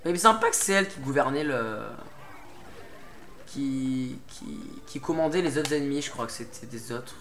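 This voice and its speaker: A man's voice: medium pitch, animated, normal speed, fairly bright tone. A young man doing casual commentary while playing a game, getting worked up, pleading with and swearing at a boss. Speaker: let's play gamer. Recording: game music behind the voice.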